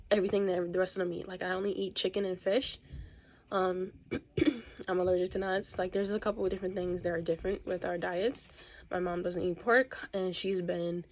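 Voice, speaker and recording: A young woman YouTuber talking casually to her camera. She talks fast and sometimes stumbles over her words. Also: mid-range voice, a little hiss or hum. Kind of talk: casual vlog talk to camera. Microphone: camera set across the room.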